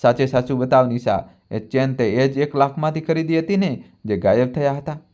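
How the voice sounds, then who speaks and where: A grieving grown son who turns loud and accusing, his voice pushed up and hard, as a male narrator acts him out. He has a storybook drama feel. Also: mid-range voice, moderate pace, natural voice. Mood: stern.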